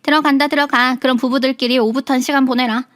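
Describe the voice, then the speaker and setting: A woman's voice: high voice, fairly even intonation, fast, fairly bright tone, no echo, studio quality. A woman voicing a brash, bitter young woman friend who talks in a snappy, sneering way. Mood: mocking.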